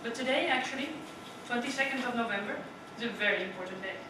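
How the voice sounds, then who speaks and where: A young woman from the Netherlands delivers a prepared talk to a club in a meeting room, her fairly high voice moving at a quick clip. She's chatty, quizzes the audience, and keeps tacking on "right?" The recording is distant and noisy, with lots of room echo.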